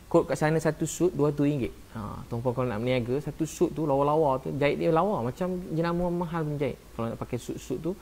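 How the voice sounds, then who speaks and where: Soft-spoken Malaysian man talking on a live stream. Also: fairly high pitch, quick pace, few pauses. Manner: soft-spoken, earnest and defensive, repeats "ha" and "Masya Allah". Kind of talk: casual live-stream talk answering viewers.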